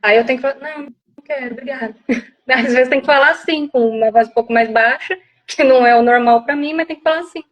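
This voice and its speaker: High-voiced woman speaking candidly. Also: muffled recording. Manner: candid, halting, repeats herself; often speaks softly to avoid sounding rude. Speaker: guest sharing her experience. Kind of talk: personal testimony in conversation.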